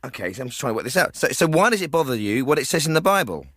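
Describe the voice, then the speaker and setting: A man's voice: mid-range voice, big pitch swings, rapid-fire, fairly bright tone, husky, no echo. An actor playing a glib, self-satisfied male host of a radio phone-in show. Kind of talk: comedy phone-in hosting.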